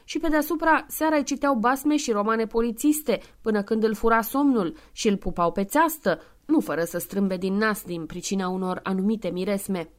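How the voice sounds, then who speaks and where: A woman reading a novel aloud as an audiobook in a measured, clear way, including spoken footnotes. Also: mid-range voice. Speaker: audiobook reader. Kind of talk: scripted narration.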